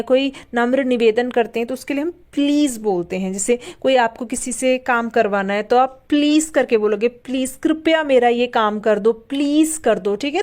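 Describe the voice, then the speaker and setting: A woman's voice: on the high side, darkish tone. A woman teaching an English lesson for beginners. She spells words out letter by letter and repeats each one patiently. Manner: spells out letters slowly before reading a word.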